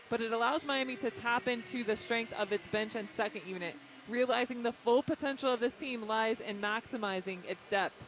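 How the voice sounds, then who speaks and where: Woman analyst over noticeable background noise. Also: fairly high pitch. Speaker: basketball analyst. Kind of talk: pre-game sports analysis. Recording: clear background noise and ambience.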